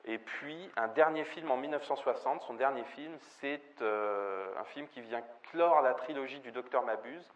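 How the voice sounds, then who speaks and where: A man's voice: mid-range voice, moderate pace, few pauses. A man giving a spoken film lecture, often hesitating with fillers and restarts. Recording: dull lo-fi recording with faint ambient noise.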